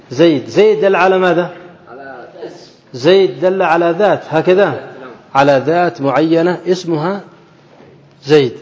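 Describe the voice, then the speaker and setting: A man with a slightly high, darkish voice teaches a classical grammar text to a class, often questioning his students and slowly repeating key phrases. The audio is dull, with a long hall reverb.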